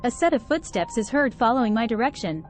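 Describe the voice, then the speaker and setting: A woman with a fairly high voice narrates a first-person horror story. Her delivery is tense and dramatic. Quiet music plays underneath. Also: sing-song, a little fast. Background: faint background music.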